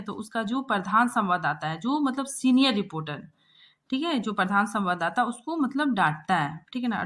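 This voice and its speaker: A young woman teaching a textbook chapter, explaining line by line and often checking in with a quick tag question. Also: mid-range voice, a bit bright.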